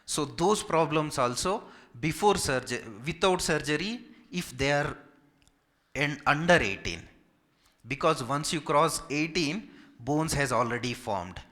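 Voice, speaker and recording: With a fairly high pitch, lively intonation and a fairly bright tone, this man speaks unhurriedly. He's a native Telugu speaker from Hyderabad with a Telugu Indian accent, a physiotherapist giving an informal medical talk with audience questions, polite and repetitive, stressing items as he lists them.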